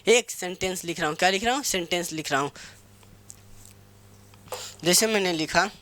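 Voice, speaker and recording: A man's voice: sits high, normal speed, pushed and bright. A young man teaching English grammar in Hindi, spelling out words letter by letter and asking his own questions before answering them. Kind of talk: Hindi-medium grammar lesson.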